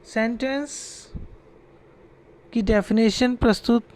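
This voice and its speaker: Male grammar teacher, extremely slow deliberate dictation, repeats every definition. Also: extremely high pitch, fairly even intonation, a little mellow. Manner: dictates definitions slowly word by word, then explains in Hindi; checks understanding with short asides. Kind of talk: classroom-style grammar lesson.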